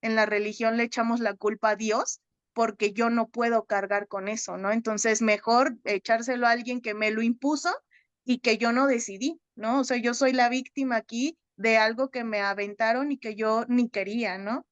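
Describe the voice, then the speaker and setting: A woman's voice: a little high, fairly even intonation, normal speed, dry recording, lo-fi sound. A woman, a psychotherapist, talking through a film in a discussion group, hesitant and often ending her points with a questioning tag. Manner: hesitant, frequent "¿no?" tags.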